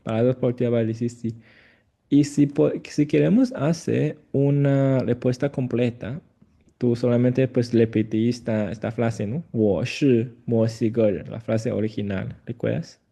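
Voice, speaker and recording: Slow, gravelly-voiced male Chinese tutor. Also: medium pitch, steady tone. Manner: slow, repeats phrases, gentle corrections. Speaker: Chinese teacher. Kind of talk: patient one-on-one language lesson.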